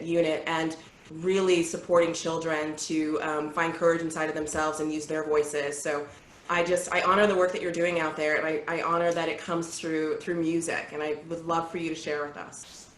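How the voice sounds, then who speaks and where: A woman hosting an online panel, introducing a guest warmly and guiding a slow breathing meditation over a video call. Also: fairly low pitch, slight background noise. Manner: warm, affirming, slow guiding voice. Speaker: panel host. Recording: echoey room.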